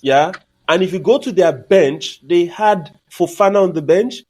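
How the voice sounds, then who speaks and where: A man co-hosting a podcast, chatting casually about sports in an emphatic, lively, opinionated way. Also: high-pitched, a little slow. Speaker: podcast co-host.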